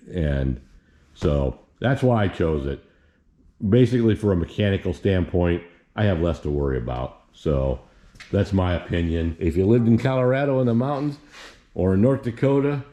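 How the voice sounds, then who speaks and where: A man in his sixties from Indiana, with a warm, lowish voice, chats casually in his garage vlog. His how-to talk is folksy and rambling, full of restarts.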